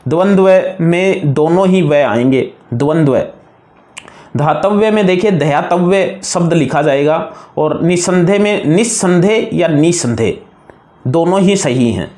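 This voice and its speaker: A man's voice: fairly high pitch, expressive, unhurried, darkish tone, reverberant. A man teaching a grammar lesson, patiently explaining spelling rules and repeating each wrong and right form. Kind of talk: classroom-style grammar lesson.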